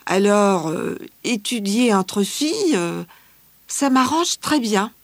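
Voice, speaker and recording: A woman voicing a slow, clear-spoken teenage schoolgirl. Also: medium pitch, very animated, no room sound, heavily acted. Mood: calm chatty. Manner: measured, clearly articulated scripted delivery. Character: cheerful teenage Australian schoolgirl, fashion-loving. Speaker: interviewee. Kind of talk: scripted language-exam dialogue.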